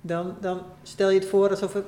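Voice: medium pitch, flat delivery, normal speed, mellow. An interview guest explaining ideas thoughtfully, often restarting sentences. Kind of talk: conversational interview. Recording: roomy echo.

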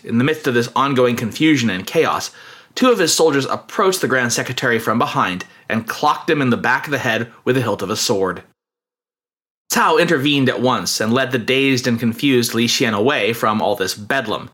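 A man's voice: mid-range voice, bright, forceful tone. A man narrating a scripted history podcast, with wry, humorous asides.

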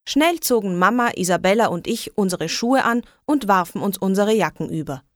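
A woman reading a children's story aloud in a lively, expressive way. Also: mid-range voice, moderate pace, no room sound, studio quality. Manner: lively, expressive reading with raised voices for quoted calls. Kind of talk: scripted children's story narration.

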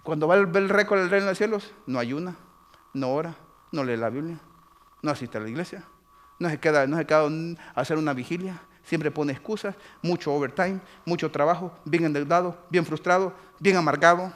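A man, preaching a lively sermon as pastor and acting out his congregation's excuses. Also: a little high, brisk. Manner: animated, mimics churchgoers' excuses.

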